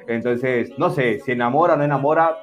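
A man's voice: mid-range voice, a little fast, dull audio, soft background music. A man co-hosting a casual podcast, joking and rambling as he reads live comments. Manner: joking, rambling, mocks a Spain accent. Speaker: podcast co-host.

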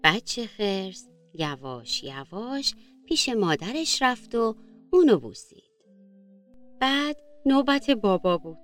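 A woman reading a children's story aloud in a gentle, slow storytelling manner. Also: mid-range voice, very animated, soft background music.

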